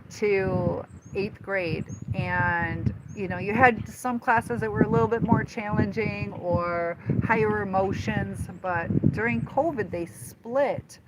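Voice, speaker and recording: A woman in her fifties, hosting a casual live stream, talking in a rambling, halting way with many fillers. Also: mid-range voice. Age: 50s. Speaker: livestream host and teacher. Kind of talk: casual live-stream chat answering viewers. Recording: noticeable background noise.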